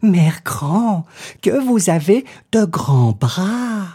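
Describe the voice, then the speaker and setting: A man's voice: sing-song, dark tone, soft background music, full character voice. A man doing a naive little storybook girl. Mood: trusting. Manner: high, quick, innocent little voice.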